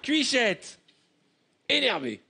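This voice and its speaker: A man's voice: very high voice, wildly swooping pitch, creaky, slightly rough. A man hosting a comedy game show on a TV studio stage. He teases the players and laughs between his lines. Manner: teasing, quick asides, laughing. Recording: loud studio music underneath.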